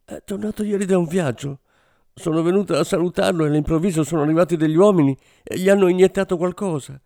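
A frightened young French woman, sobbing and pleading in a high, shrill voice, as a male narrator puts her on. Her words come out strained and tearful, and her tone is a little dark. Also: quick pace, creaky, dry recording, clean studio sound. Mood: sobbing, panicked.

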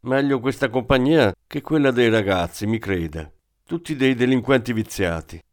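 A man's voice: mid-range voice, lively intonation, moderate pace, close to an everyday voice. A man reading the lines of a chatty, amiable male school janitor in an audiobook.

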